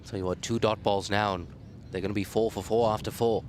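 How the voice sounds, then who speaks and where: A man commentating live on a cricket match, losing his voice and jumping up in pitch and volume whenever a wicket falls. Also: steady tone, brisk, darkish tone, a little hiss or hum. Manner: rises sharply in pitch and volume on wickets and appeals.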